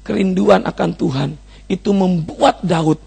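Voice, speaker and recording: A man preaches a fervent sermon. His voice sits very high and carries a gravelly rasp. He builds from steady teaching into urgent, impassioned calls. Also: measured pace. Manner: impassioned preaching, rising to shouts and cries. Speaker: pastor.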